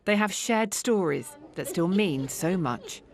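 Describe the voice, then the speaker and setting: A woman reporting as a royal correspondent, reading a scripted news report in a composed, measured way. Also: fairly low pitch, lively intonation.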